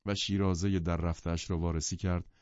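A man narrating a novel as an audiobook, in a measured, even delivery. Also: low-pitched, no echo. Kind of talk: audiobook reading. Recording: dull lo-fi audiobook sound.

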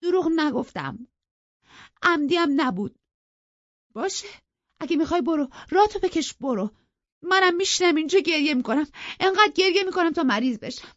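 A woman voicing a spoilt young woman in an audiobook, shrill and close to tears, her voice pushed high and loud. The recording is dry and a bit dull, with no room sound. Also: no room sound, close to an everyday voice. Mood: tearful. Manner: shrill, shouting and pleading.

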